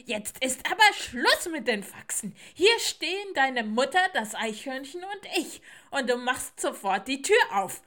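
A woman voicing a grumpy, scolding stag beetle in a storybook reading, with a shrill, bossy manner. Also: very animated, measured pace, few pauses, sharp tone, exaggerated voice.

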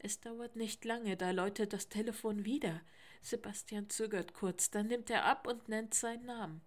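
Woman, storybook narration, expressive, lively reading. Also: mid-range voice, moderate pace.

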